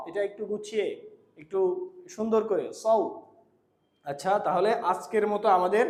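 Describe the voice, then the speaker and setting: A man teaching Quran recitation, naming common pronunciation mistakes and then chanting the verses slowly to show the right way. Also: high-pitched. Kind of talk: recitation lesson correcting pronunciation. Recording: echoey room.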